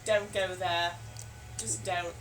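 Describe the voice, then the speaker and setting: A woman's voice: lowish voice, steady tone, slow, rough recording. A woman in a casual group chat, giving blunt, frank advice. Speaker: co-host.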